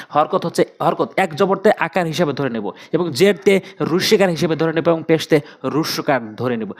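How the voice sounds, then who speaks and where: Earnest man drilling Arabic syllables. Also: on the high side. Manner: drills syllables in quick repeated chants; earnest, urges viewers to follow every video. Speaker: Quran recitation teacher. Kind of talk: step-by-step pronunciation lesson.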